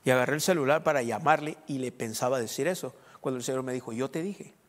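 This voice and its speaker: A man with a Sonoran Mexican accent, a pastor preaching a sermon with lively asides and jokes to his congregation. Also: mid-range voice, quick pace, big-room sound. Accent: Sonoran Mexican Spanish. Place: church.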